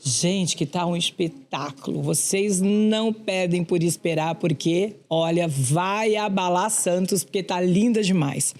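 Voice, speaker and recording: A woman's voice: fairly low pitch, unhurried, few pauses, darkish tone. A woman with a Brazilian accent hosting a podcast interview, effusive and full of compliments for her guest. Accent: Brazilian Portuguese. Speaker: podcast host. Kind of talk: warm chatty interview.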